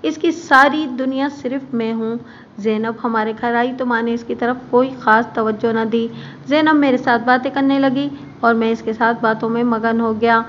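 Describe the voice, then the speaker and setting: A woman reading a crime story aloud in a steady, even storytelling manner. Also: on the high side, normal speed. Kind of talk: scripted narration of a crime story. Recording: muffled with faint background hiss.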